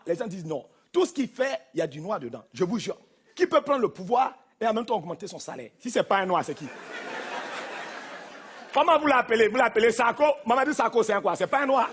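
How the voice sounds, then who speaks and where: A man's voice: very high voice, a bit bright, slightly rough. A male stand-up comedian performing a live routine on a theater stage, with a punchy, teasing delivery aimed at the crowd. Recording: live theater, audience and noise.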